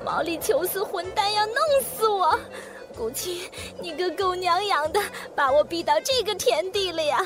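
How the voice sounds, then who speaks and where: A man voicing a hysterical young man who screams and sobs in a shrill falsetto in an audiobook. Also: fairly even intonation, unhurried, over music.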